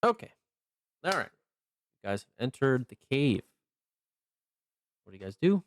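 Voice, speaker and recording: A man's voice: mid-range voice, very animated, a little slow, slight background noise. A man narrating a tabletop game as game master, hesitant and full of ums.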